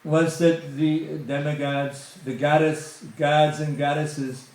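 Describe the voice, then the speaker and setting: A man serving as guest speaker at a temple satsang preaches a spiritual talk to the congregation, chatting informally and using many fillers like "you know." His fairly high voice is level and a little mellow, the pace slow, and the hall echoes.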